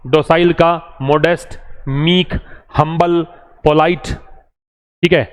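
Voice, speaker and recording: A man with an Indian accent teaching an English vocabulary lesson, listing synonyms in drilled repetition and slowing down for English example sentences. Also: a little high, fairly even intonation, clean tone.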